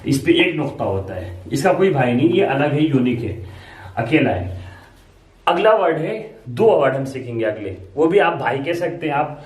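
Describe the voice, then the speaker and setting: This man's slightly high voice has a sing-song, somewhat mellow quality and a moderate pace. He's giving a beginner Arabic alphabet lesson at a board, patiently going through each letter step by step and repeating plenty. He stands away from the mic in an echoey room.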